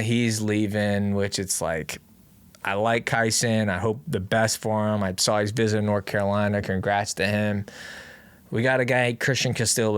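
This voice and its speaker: A young man at a close, dry-sounding mic rants about his team with biting sarcasm. He fires off rhetorical questions, swears freely, and swings between loud disbelief and low, muttered asides in a mid-range voice. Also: dry recording. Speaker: podcast host. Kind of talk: casual sports rant.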